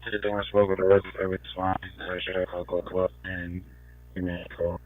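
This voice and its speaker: A man's voice: sits low, flat delivery, a little fast, slight background noise. A man on police radio, calling unit numbers and checks in terse radio codes. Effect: police radio transmission. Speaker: police radio dispatcher or officer. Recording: tinny narrow-band police radio, dry.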